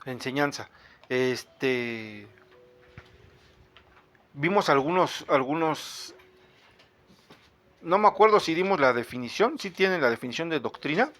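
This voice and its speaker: A man with a fairly high voice, working as a pastor and Bible teacher. He prays fervently, then explains scripture to his congregation in a relaxed, conversational tone. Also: unhurried, long pauses.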